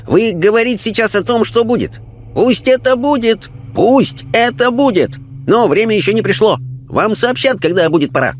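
A man voicing a calm, mysterious male spirit guide who speaks in a serene, sage-like way. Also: sits high, normal speed, a little hiss or hum, pitched above the performer's own voice.

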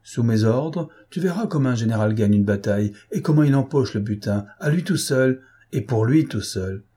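A man voicing a gentleman thief posing as a Russian prince, mocking and disdainful. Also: medium pitch, expressive, normal speed, husky. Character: Arsène Lupin, disguised as a mocking Russian prince.

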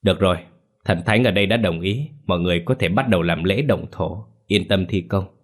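Male narrator doing a deep-voiced, solemn old village ritual master, measured and warning; storybook reading.

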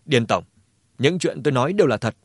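Man doing a young male hitman, panicked, shouting, raised pitch, dry recording. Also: lively intonation, brisk, husky, dry recording. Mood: frantic accusing. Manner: shouting accusations. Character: panicked young male hired killer, agitated.

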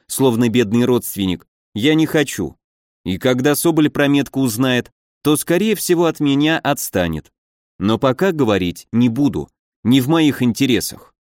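A man's voice: medium pitch, darkish tone, no room sound, studio quality. A man narrating a first-person audiobook in a wry, ironic manner.

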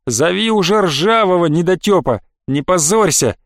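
A man's voice: sits high, animated, normal speed, no room sound, studio quality. A man voicing a chatty, teasing old woman in an audiobook, mocking and scolding. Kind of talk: audiobook character voice.

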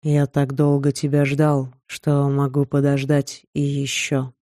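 A woman doing a gentle young snow prince. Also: monotone, unhurried, dry recording, studio quality. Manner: soft, low-key, reassuring delivery. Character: young male snow prince, tender and protective husband. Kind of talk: audiobook character voice.

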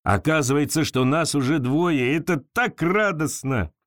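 A man voicing a naive, lonely swamp creature with big paws, talking slowly and with wonder. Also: a bit bright, dry recording, clean studio sound, natural voice. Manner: slow, wondering, low-pitched.

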